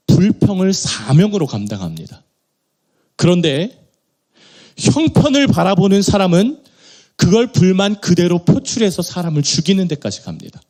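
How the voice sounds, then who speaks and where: Man, pastor, sermon, emphatic peaks and soft asides, animated high pitch. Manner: preaching with rising emphatic peaks and quiet prayerful asides.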